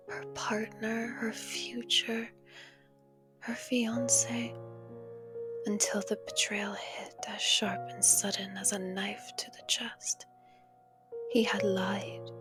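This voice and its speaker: Voicing a possessive, doting villainess for an intimate ASMR roleplay, a woman speaks on the high side in a breathy voice that frequently sinks to a whisper. The mood is hushed storytelling, and she's tender and coaxing, dwelling on pet names.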